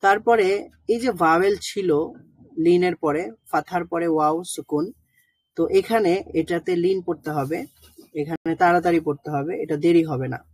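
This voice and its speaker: A teacher gives an online lesson. The teacher talks patiently, hesitates often and slowly sounds out letters and syllables one by one. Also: medium pitch, a little mellow, breathy edge, no room sound. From Bangladesh. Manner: hesitant with frequent drawn-out fillers. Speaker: Quran recitation teacher.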